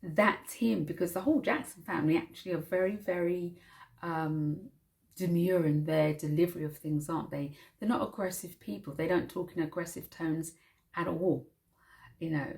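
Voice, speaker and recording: A woman hosting her own vlog channel, chatting casually and gushing with soft, drawn-out emphasis. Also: lowish voice, gravelly. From United Kingdom. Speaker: channel host.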